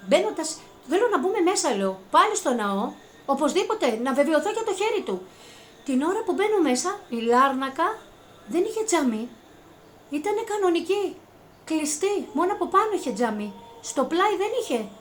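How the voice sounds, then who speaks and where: Earnest high-voiced woman telling her story. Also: slight background noise. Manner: earnest, rising to high-pitched excitement when reliving events. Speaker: vlogger recounting a personal experience. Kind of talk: emotional personal testimony.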